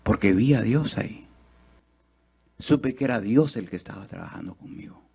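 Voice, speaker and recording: A man preaching a sermon to a congregation. He swings between loud, high, quick exhortation and slow, quiet confiding, and he often turns to the people with rhetorical questions. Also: animated, gravelly, slightly rough. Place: church.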